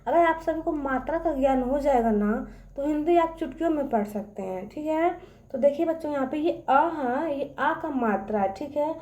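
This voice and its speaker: High-voiced woman teaching small children. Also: lively intonation, darkish tone, reverberant, muffled recording. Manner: slow, stretched-out word-by-word dictation; keeps checking understanding with questions. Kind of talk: children's reading lesson.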